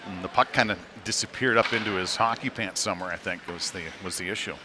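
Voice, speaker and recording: A low-voiced man calls a youth ice hockey game live at a quick pace, his short, clipped phrases trailing off into asides. Loud music plays behind him, and the noisy rink adds clatter and game sounds.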